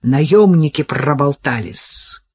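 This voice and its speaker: A narrator voicing a furious, ruthless old sultan who threatens with menacing, rasping shouts, read in a dry, husky voice. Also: mid-range voice, lively intonation, takes it slowly, no room sound. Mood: menacing rage.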